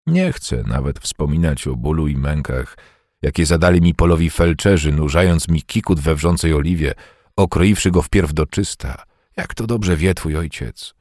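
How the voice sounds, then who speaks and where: A man's voice: a bass voice, animated, normal speed, a little mellow, no echo, studio quality. A man reading an audiobook, voicing a bitter, toothless, one-armed old war veteran who speaks with scorn. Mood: boastful lament. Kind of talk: audiobook character voice.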